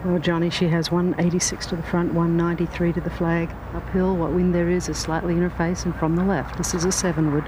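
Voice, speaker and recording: A male golf commentator reports from the course in short factual phrases. His voice is high and very even, with clear outdoor noise around it. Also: fast talker, hardly any pauses. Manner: clipped, factual. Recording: noisy outdoor broadcast.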